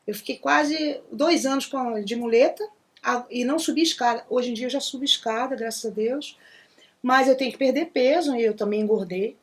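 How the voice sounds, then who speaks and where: A middle-aged woman from Rio de Janeiro with a Carioca accent, talking fast and chatty as an interview guest. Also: a little high. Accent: Carioca Brazilian Portuguese. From Brazil (Rio de Janeiro). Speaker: guest, singer and percussionist. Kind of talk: casual interview chat.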